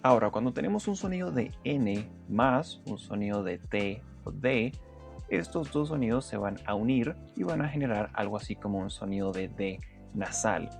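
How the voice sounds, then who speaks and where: Guy with a lowish voice going through a pronunciation lesson step by step, sounding out letters, some soft music under it. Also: expressive, normal speed, gravelly. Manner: methodical, breaks down sounds step by step; demonstrates sounds aloud. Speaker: pronunciation teacher. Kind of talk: explanatory lesson narration.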